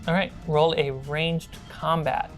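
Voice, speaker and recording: With music playing in the background, a woman runs a tabletop RPG session, switching between narrating scenes and playful, casual chatter with the table. She speaks slowly in a low, steady voice.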